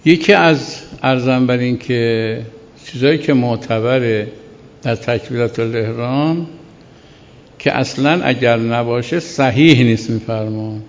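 A man teaching Islamic law in a class, reading a legal text slowly and then explaining it with many repetitions. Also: medium pitch, in a large hall, dull audio. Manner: reads Arabic text slowly, then explains by repeating himself.

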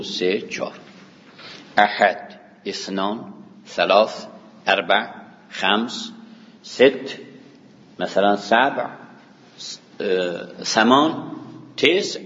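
A man's voice: medium pitch, a bit bright. A man teaching a grammar class, explaining patiently and counting aloud, speaking to his students. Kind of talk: classroom lecture. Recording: dull recording with long hall reverb.

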